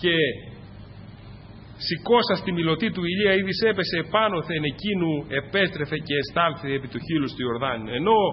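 A man's voice: on the high side, slight background noise. A man preaching a sermon to his congregation, fervent and rising to cries on key phrases. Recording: dull lo-fi recording in a large reverberant hall.

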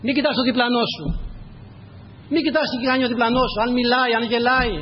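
A man's voice: extremely high pitch, fairly even intonation, big-room sound, muffled recording, slight background noise. A man preaching a sermon in a church, reading scripture and urging his listeners with repeated direct appeals. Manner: repetitive exhortations, direct address to listeners.

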